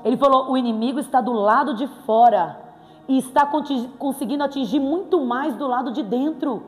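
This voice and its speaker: High-voiced Brazilian woman preaching in hall. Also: fairly quick. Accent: Brazilian Portuguese. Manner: playful, animated, bursts into exclamations. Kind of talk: sermon. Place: church hall. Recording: reverberant hall with faint music.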